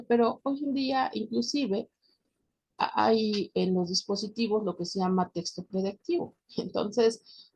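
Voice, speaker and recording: A Mexican woman teaching a class, her voice sitting at an ordinary middle pitch. She explains step by step and keeps checking that her students follow. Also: creaky, darkish tone, husky. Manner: addresses students directly. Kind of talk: recorded class lecture.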